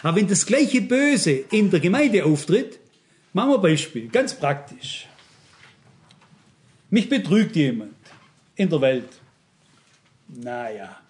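Emphatic male preacher, high-pitched, addresses the congregation directly. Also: very animated, a little slow, long pauses, darkish tone. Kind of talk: sermon.

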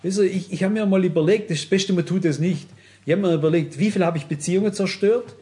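Earnest preacher, higher voice. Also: male voice, quick pace, dark tone. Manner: earnest, addresses listeners directly, frequent "wisst ihr". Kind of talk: sermon.

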